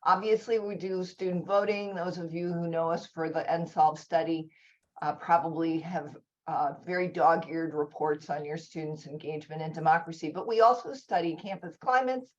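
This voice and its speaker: A woman leads an online conference session in an informal, enthusiastic way, talking in quick bursts. Her voice sits a bit low for a woman. The call audio is dull and lo-fi. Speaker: session presenter. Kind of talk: conference talk over video call. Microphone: video call.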